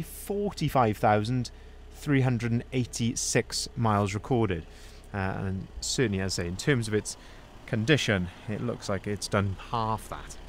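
A young man who manages van sales does an upbeat walkaround review outdoors on a dealership lot, filming first-person on a handheld phone. He plays the upbeat salesman, pointing out features and flaws, in a medium-pitched voice with a little hiss or hum.

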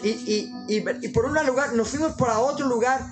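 A man's voice: very high voice, low-quality recording. Earnest man preaching informally, faint music. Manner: earnest, exhorting, halting with many restarts.

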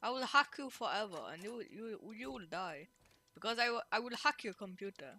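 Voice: medium pitch, animated, fairly quick, pushed and bright, slight background noise. A gamer putting on an Indian accent to play a pushy, threatening tech-support scammer who stammers through mock threats.

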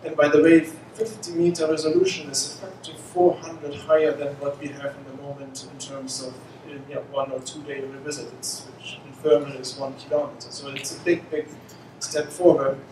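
A man's voice: fairly high pitch, flat delivery, a little mellow. Man on an echoey conference panel. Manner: halting, many fillers and restarts. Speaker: panelist, mission scientist. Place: conference room, indoors. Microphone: handheld mic. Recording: echoey hall, mic from far off, noisy.

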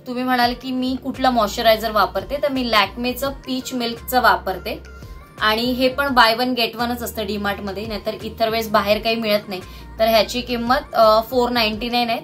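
Seated on the floor in a small indoor room at home, a woman chats casually to viewers in a product haul, explaining things item by item like a home vlogger. Her voice is fairly high and a bit bright, steady in tone at normal speed, with faint music behind.

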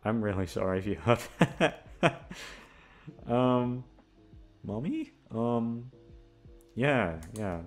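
This audio roleplay creator has a medium-pitched voice with lively intonation, drawing out his words and pausing often. His outro is a casual, rambling chat, scattered and self-deprecating, with plenty of swearing, set against background music.

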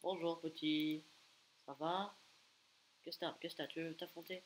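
Excitable young man commenting gameplay. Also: on the high side, normal speed, slight background noise, poor audio. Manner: excitable, taunts opponents, repeated exclamations. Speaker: gaming video creator.

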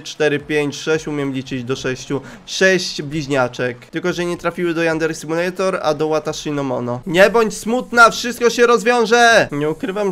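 A man's voice: fairly high pitch, clear, resonant tone. A young man giving casual, joking let's-play commentary, chatting to viewers as a gaming YouTuber. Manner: playful, jokey, talks to viewers.

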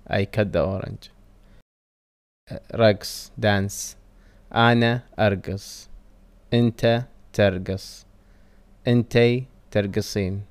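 A man with a Kuwaiti accent, reading Arabic verb conjugations and English translations slowly and deliberately in a language lesson. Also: on the low side, a little mellow, clear, resonant tone. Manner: slow, deliberate word-by-word reading. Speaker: Arabic teacher. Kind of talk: reading vocabulary drills.

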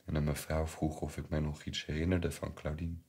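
An actor with a Flemish accent playing a troubled man who quietly relives his painful childhood in a stage monologue. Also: monotone, fairly quick. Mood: haunted. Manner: subdued, low, haunted storytelling. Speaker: actor playing the narrator Bernard.

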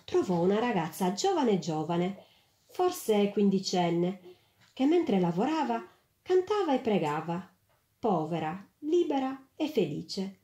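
A woman reading a storybook aloud in an expressive, lively way, in a roomy space. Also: mid-range voice, slow. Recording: roomy echo.

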